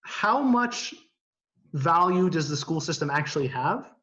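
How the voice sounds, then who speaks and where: A man from Canada co-hosting a live stream, chatting casually and telling things in an animated, slangy way over a video call. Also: on the high side, a little slow. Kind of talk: casual chat. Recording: slightly dull video-call audio.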